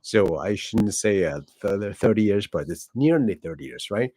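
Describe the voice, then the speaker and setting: With a mellow, lowish voice and lively intonation, a Korean-accented man in his forties from South Korea delivers a casual vlog monologue as the channel's host at a moderate pace. He's a native Korean speaker who rambles, leaning on fillers and frequent self-corrections.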